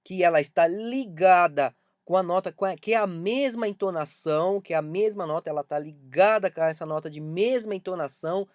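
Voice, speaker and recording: A man's voice: high-pitched, fairly quick, few pauses, no echo, clean studio sound. A man with a Brazilian Portuguese accent gives an online music lesson, talking emphatically and repeating key points to drive them home. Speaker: music teacher.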